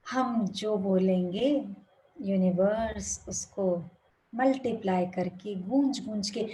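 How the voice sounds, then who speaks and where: Brief: a woman spiritual speaker on a video call, telling a parable with gentle moral asides. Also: medium pitch, slow, a little hiss or hum. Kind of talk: storytelling talk.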